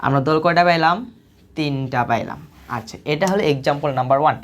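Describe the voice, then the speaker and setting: A woman's voice: sits low, quick pace. A woman teaching math in a recorded video lesson. She explains patiently and repetitively, asking the class questions and then answering them herself in the students' place.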